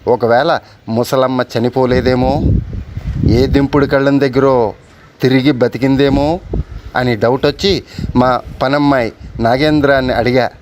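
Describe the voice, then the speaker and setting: A man's voice: medium pitch, steady tone, measured pace, pauses often, noisy background. A man telling a story from a diary, breaking off now and then to talk back to its writer. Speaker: storyteller reading a diary aloud. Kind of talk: storytelling narration with spoken asides.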